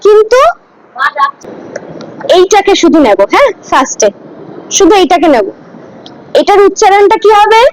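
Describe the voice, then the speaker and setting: A woman's voice: extremely high pitch, very animated, normal speed, long pauses, darkish tone, low-quality recording. A woman teaching scripture pronunciation to a class, patiently breaking words into syllables and asking students to repeat after her. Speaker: Gita teacher. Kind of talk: slow pronunciation lesson.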